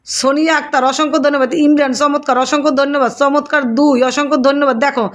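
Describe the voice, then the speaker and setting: A woman hosting a live stream speaks with a bright, high voice. She reads out viewers' comments as they come in. She calls each viewer by name and keeps thanking them. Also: steady tone, fairly quick.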